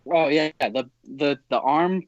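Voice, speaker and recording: Mid-pitched man, animated storyteller, dry muffled recording. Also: measured pace, no room sound. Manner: animated, laughs through his own story. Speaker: guest umpire telling a story. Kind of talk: casual storytelling.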